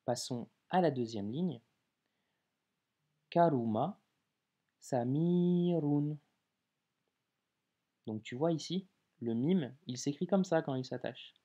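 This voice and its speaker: Relaxed man teaching in casual French. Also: mid-range voice, slightly rough, highs cut off. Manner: informal, addresses viewer as tu, drawn-out example words. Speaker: Arabic reading teacher. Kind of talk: casual video lesson.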